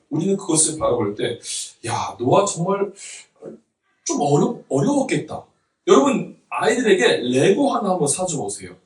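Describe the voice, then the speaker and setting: A man in his thirties delivers a sermon in a warm, conversational way, laughing along with his congregation. His voice sits a touch high and rises and falls freely. It comes from some distance in a roomy, echoing church hall. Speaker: pastor. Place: church sanctuary.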